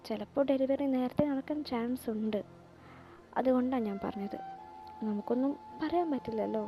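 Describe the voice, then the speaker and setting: Brief: a woman as a steady, reassuring doctor, amateur audio drama with clear background music. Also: fairly high pitch, lightly acted. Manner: calm, explanatory, reassuring. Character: calm, reassuring hospital doctor.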